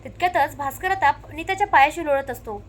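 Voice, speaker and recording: A woman narrating a recap of a television serial episode, telling the story lively and quoting the characters' lines one after another. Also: high voice, brisk, slight background noise.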